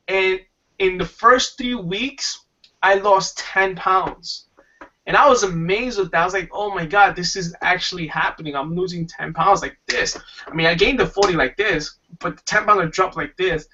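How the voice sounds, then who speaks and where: High-voiced, bright man hosting a webinar. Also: recorded from a distance, lo-fi sound, a little hiss or hum. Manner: enthusiastic, rambling with restarts. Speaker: webinar host. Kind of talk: casual pitch talk.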